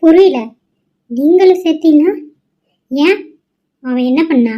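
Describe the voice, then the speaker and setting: A woman voicing a worried middle-aged mother in a cartoon, loud and demanding as she scolds her daughter. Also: high voice, fairly even intonation, moderate pace, dull audio, natural voice. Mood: scolding. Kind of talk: cartoon voice acting.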